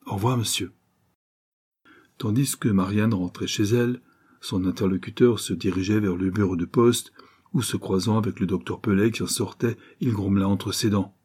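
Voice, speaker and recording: Male narrator, husky, low, warm, classic novel reading. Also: steady tone, normal speed. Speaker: audiobook reader.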